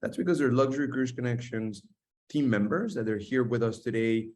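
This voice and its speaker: A man's voice: medium pitch, brisk, darkish tone. A man hosting an online webinar from an office, talking with many fillers and restarts. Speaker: host. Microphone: video call.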